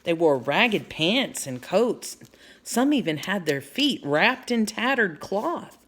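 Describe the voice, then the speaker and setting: A woman's voice: mid-range voice, sing-song, slow. A woman reading a children's chapter book aloud, explaining the story to young listeners as she goes. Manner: warm, explanatory, speaking to children.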